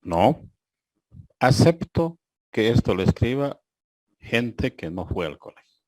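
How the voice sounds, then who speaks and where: A man, a university lecturer giving an online class over a video call, who reads examples aloud slowly and mocks their errors. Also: mid-range voice, sing-song, no echo.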